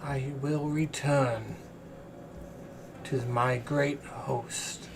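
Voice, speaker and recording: A man voicing a blinded, imprisoned ancient angel in a tabletop role-play, speaking in slow, formal pronouncements. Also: medium pitch, fairly even intonation, creaky. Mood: grave, solemn. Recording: room recording with faint background noise.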